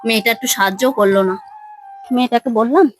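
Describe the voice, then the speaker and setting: A woman's voice: on the high side, quick pace, soft background music, lightly acted, poor audio. A woman playing a harried village wife and mother who grumbles about her daughter and pleads with her husband. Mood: grumbling. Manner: scolding, then pleading and coaxing. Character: harried village housewife and mother, young adult.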